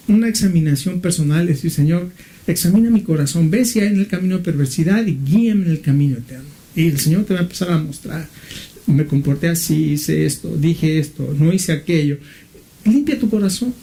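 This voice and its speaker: Pastor preaching, high pitched. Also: male voice, warm tone. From Mexico. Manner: asks the listeners questions, uses fillers like "este". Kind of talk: sermon.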